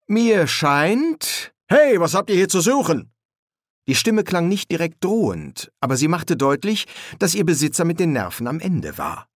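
A man narrating a novel as an audiobook, his pitch rising and falling freely from line to line. The sound is dry and close, with no room echo around the voice. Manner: raises his voice high for the characters' lines.

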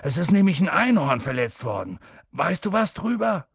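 Hagrid, voiced by a man, gruff and impatient. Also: a little high, sing-song, moderate pace, no echo, studio quality, pitched above the performer's own voice, heavily acted. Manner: grumbling, then loud and pressing. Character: gruff giant male gamekeeper, wary and impatient. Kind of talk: audiobook character voice.

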